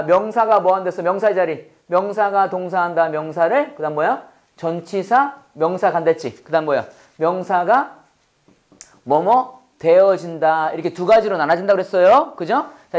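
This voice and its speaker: A man teaching a Bible English class, leading call-and-repeat drills and quizzing his students in an animated, chatty way, with frequent laughs. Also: high voice, normal speed.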